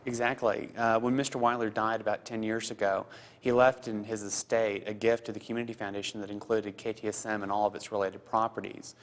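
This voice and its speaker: This man in his thirties grew up in Costa Rica and is a foundation program officer. In the interview he answers earnestly but haltingly, with fillers and repeats, and his delivery is flat at a fairly low pitch.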